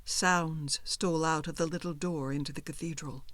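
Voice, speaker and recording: A woman narrates a suspenseful horror story for an audiobook, delivering it expressively and deliberately in a low-pitched voice.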